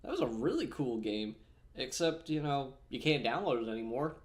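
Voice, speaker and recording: Male gaming vlogger, casual and meandering, pitch swings a lot, chews almonds between thoughts. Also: lively intonation, moderate pace. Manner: chatty, meandering, with frequent fillers and self-corrections; snacks on almonds while talking. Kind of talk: casual rambling vlog talk.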